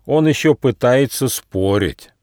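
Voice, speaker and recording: A man's voice: medium pitch, lively intonation, unhurried, no room sound, studio quality, voice pushed up, close to an everyday voice. A man playing a sneering ferret pack leader. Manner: loud, sneering, drawn out.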